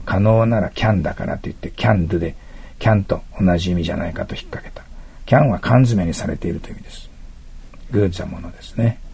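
A man with a low, gravelly, somewhat husky voice lectures through English test answers. His tone is dark and mellow, and his pitch rises and falls a lot as he explains. He reads the English lines slowly with a Japanese accent. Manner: explanatory, keeps checking in with frequent asides.

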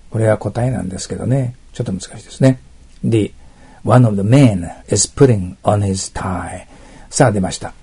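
Gravelly, husky-voiced man teaching English. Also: on the low side, warm tone. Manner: explains step by step with frequent checking tags; reads English test sentences slowly. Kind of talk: classroom test-prep lesson.

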